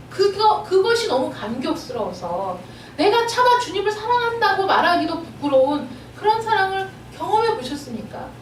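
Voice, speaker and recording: Woman pastor, emotional sermon, lively swooping delivery, roomy echo, faint ambient noise. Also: extremely high pitch. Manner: emotional, emphatic preaching with many rhetorical questions. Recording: roomy echo, distant mic.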